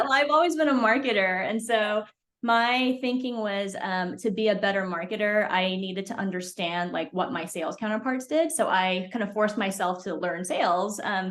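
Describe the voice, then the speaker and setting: A Hong Kong woman in her forties, founder of a beverage company, chats as a guest on a podcast. Her medium-pitched voice is a little bright, and she talks freely in a casual interview style, using lots of fillers and laughing between phrases.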